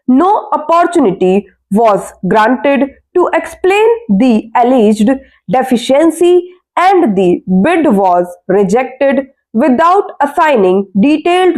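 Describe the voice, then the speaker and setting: A woman reads a formal text aloud as slow school dictation, in measured phrases with deliberate breaks so that listeners can write it down. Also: a little high, darkish tone, rough recording. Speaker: dictation reader for stenography practice.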